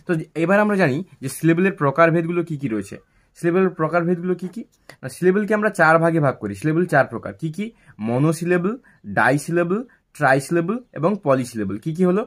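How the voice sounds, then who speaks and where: A man's voice: a little high, expressive. Man teaching syllables in a raised voice. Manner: repeats words slowly, syllable by syllable; asks questions then answers them. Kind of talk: explaining English grammar lesson.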